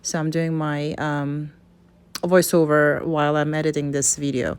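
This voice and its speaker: This home cook from Kazakhstan, a woman with a Kazakh accent, walks through a recipe in a casual, improvised voice-over that keeps stopping and restarting hesitantly. Her voice sits low and smooth, with a level tone and an unhurried pace.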